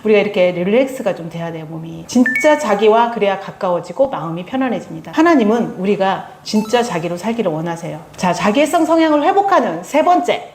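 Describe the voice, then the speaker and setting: A woman's voice: medium pitch, darkish tone. A woman pastoral counselor giving a church lecture, coaxing her audience to repeat phrases after her. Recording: echoey hall, faint room noise.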